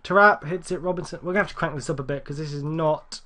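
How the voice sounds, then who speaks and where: A man giving casual, rambling gameplay commentary, correcting himself often and getting excited at near misses. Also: fairly high pitch, rapid-fire. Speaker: gaming YouTuber.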